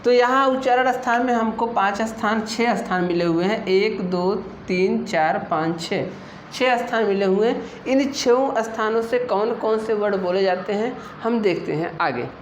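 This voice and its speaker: A woman teaching an exam-prep Hindi lesson, explaining slowly and patiently and asking her students questions as she goes. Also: medium pitch. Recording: echoey room with faint noise.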